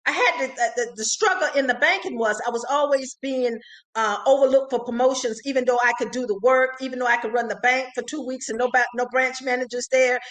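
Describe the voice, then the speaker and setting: An older woman speaks as a guest on a podcast, counseling listeners in an earnest, emphatic way. She repeats her main points for weight, and her voice sits a little on the high side. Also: fairly bright tone. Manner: earnest, emphatic, repeats key phrases like a preacher. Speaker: psychologist and radio host, interview guest. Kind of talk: podcast interview, advice-giving.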